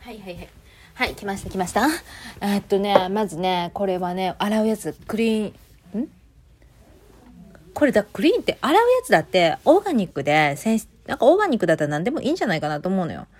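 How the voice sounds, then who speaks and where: A woman's voice: medium pitch, sing-song, fast, a little mellow, slight background noise. A woman with a Kansai accent hosting her own audio show, chatting casually in a rambling way with many fillers and asides. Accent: Kansai Japanese. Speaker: podcast host. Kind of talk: casual solo chat.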